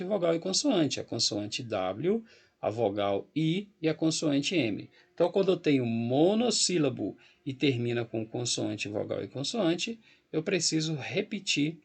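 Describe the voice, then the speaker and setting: A man with a Brazilian Portuguese accent and a medium-pitched voice with vocal fry and a breathy edge teaches an English grammar lesson. In this recorded lesson with a screen walkthrough, he explains patiently while moving through a website and checks in with the class often.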